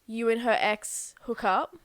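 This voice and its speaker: A woman's voice: a little high, fairly even intonation, a little slow, no echo, clean studio sound. A young adult woman, co-hosting a casual podcast chat and filling her talk with "like". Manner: chatty, heavy use of "like". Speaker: podcast co-host.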